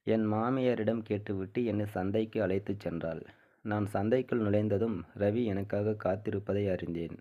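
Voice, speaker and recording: A man narrating a first-person short story in a steady, even reading style. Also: lowish voice. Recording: tinny phone-like sound.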